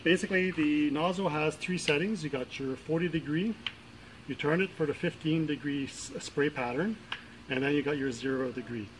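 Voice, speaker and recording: A man's voice: a little high, fairly even intonation, normal speed, noisy background. A middle-aged man casually demonstrating a product outdoors in a driveway, talking plainly with many fillers and restarts, picked up by a camera mic at a distance. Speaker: product reviewer.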